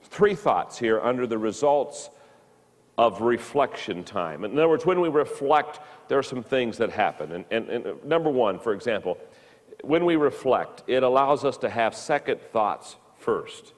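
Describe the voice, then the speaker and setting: A man in his fifties, a leadership teacher, delivers a recorded lesson in a large hall. His medium-pitched voice has lively intonation, but he often stumbles and repeats words as he goes.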